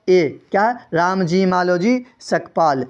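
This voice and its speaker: A man's voice: high-pitched, smooth, dull audio. Man drilling quiz answers. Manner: reads out answer options and repeats each question. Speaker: teacher. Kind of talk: exam-prep quiz lesson.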